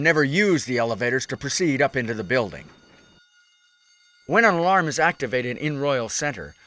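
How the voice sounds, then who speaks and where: A man reading scripted safety instructions as a narrator, in a measured, instructive way. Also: medium pitch, a bit bright.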